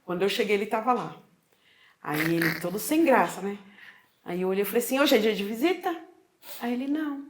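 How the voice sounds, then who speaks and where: A woman's voice: medium pitch, lively intonation, fairly quick, long pauses. A middle-aged Brazilian woman telling her own story in a casual chat, acting out the dialogue with frequent tag questions. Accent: Brazilian Portuguese.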